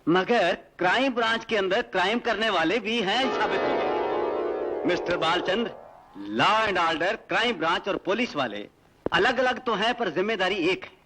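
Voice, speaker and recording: An actor playing a corrupt, gloating crime-branch police officer in a dubbed film drama. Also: male voice, sits high, unhurried, poor audio. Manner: gloating, taunting, theatrical. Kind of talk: Hindi-dubbed film acting.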